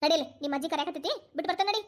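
A busy, harried young cartoon mother, as a woman plays her, who scolds her son and complains about her chores. She has a Dharwad Kannada accent. Her voice is very high and quick. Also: background noise, lightly acted. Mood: scolding.

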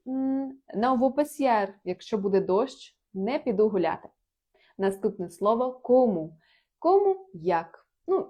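Woman teaching Portuguese, slow examples. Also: mid-range voice, dark tone. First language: Ukrainian. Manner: explains with many examples, reads Portuguese phrases slowly then translates. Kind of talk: casual online language lesson.

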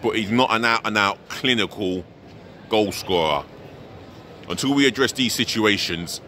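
A man's voice: on the low side, pushed and bright, slight background noise. A middle-aged man filming himself outdoors by a stadium, venting frankly as a fan ahead of a match, the camera held at arm's length. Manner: frank, exasperated fan venting about his team. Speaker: football fan vlogger, host. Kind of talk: pre-match vlog to camera. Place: outdoors by a large stadium, city plaza. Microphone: handheld camera at arm's length.

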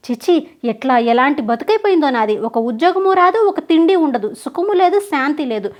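A woman's voice: high voice, a little mellow. A woman voicing an angry, unemployed young husband who scolds harshly in a told story. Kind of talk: storytelling with acted dialogue.

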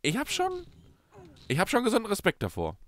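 Still hoarse from a cold, a young German man hosts a let's play, commenting casually on the game at a fairly quick pace. His pitch swoops wildly as he jumps from loud outbursts to quiet muttering.

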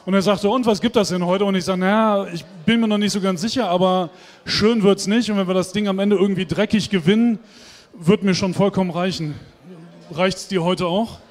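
A man hosting a postgame stage interview, asking chatty, lively questions into a handheld mic. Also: high-pitched, fairly quick. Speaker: arena host and interviewer. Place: stage in a large dark hall. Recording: long hall reverb.

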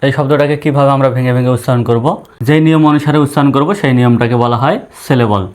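A man teaching English pronunciation, spelling each word letter by letter and then saying it slowly in syllables. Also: mid-range voice, fairly even intonation, a little mellow.

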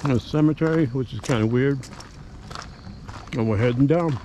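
A man's voice: medium pitch, moderate pace, mellow, slight background noise, low-quality recording. A man vlogging a hike, casually narrating with offhand jokes on a forest trail. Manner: joking, offhand commentary.

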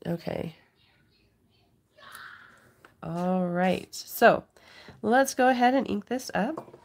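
Speaking very slowly at medium pitch, with slight background noise, a middle-aged woman demonstrates crafts casually for viewers as host. She's indoors at her home craft table, has a cold, and coughs occasionally.

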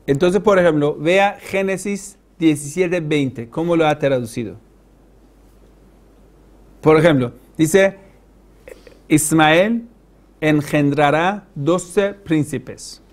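Man, high voice, lecturer, emphatic, asks the class questions. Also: takes it slowly, long pauses. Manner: emphatic, addresses listeners directly with questions. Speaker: religious lecturer.

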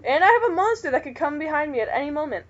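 A woman's voice: high voice, big pitch swings, rapid-fire, muffled recording. A young woman hosting a let's play, chatting casually and exclaiming in alarm at the game. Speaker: let's play host, player. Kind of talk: casual gaming commentary.

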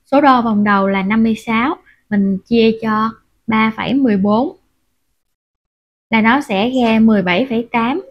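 A woman's voice: a little high, breathy edge. A woman teaching a crochet tutorial step by step, patiently counting stitches aloud with frequent filler sounds. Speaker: crochet instructor. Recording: dull, muffled lo-fi audio.

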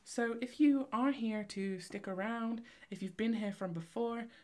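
A young vlogger from Cornwall who is also a photography student speaks in a slightly high voice with a Cornish English accent. Talking casually into a tripod-mounted camera, she rambles fast, chaotically and excitedly.

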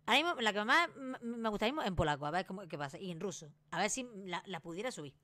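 A YouTuber in her late twenties from Spain, with a Granada Spanish accent, rambles excitedly in a casual vlog. Her voice is medium-pitched and fast, and she keeps restarting her sentences.

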